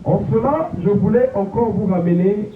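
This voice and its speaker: A man preaching a funeral sermon in a preacherly way, his voice dropping low at the end of phrases. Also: normal speed, background noise. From Congo. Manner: preacherly, swooping pitch drops at phrase ends. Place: funeral gathering. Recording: echoey, distant, phone-like lo-fi sound.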